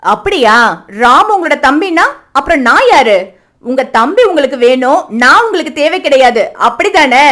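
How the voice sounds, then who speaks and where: A woman's voice: high-pitched, lively intonation, normal speed, fairly bright tone. A woman voicing a greedy, scheming young wife in a cartoon, talking in a nagging, sarcastic way. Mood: scolding. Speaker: elder daughter-in-law. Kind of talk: cartoon voice acting.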